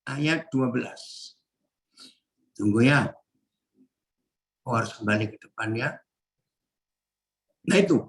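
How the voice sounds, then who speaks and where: A male pastor preaching to a prayer group, reading verses aloud, directing helpers to the slides, and jumping up in pitch for emphasis. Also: slow pace, long pauses, low-quality recording. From Indonesia. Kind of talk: sermon.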